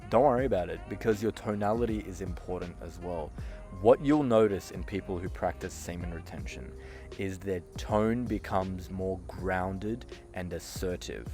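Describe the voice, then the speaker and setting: A man who works as a communication coach, giving an emphatic motivational monologue to camera, with sentences that end flat and firm, and his loudness swinging between punchy and hushed. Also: low-pitched. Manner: flat, downward-ending sentence endings. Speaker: communication coach and podcast host.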